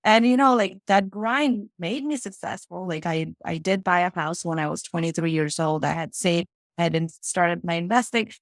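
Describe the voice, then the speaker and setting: A woman's voice: fairly low pitch, moderate pace, few pauses, dry recording. A woman from Fiji, a financial strategist, speaking as a guest in a casual interview and telling her story reflectively, often checking in with "right?" and "you know".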